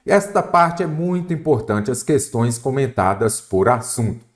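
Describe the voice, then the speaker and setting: Man, Brazilian accent, grammar lesson for exam prep, animated, leans hard on stressed syllables, quizzes the viewer. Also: mid-range voice, unhurried. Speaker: Portuguese teacher for exam prep.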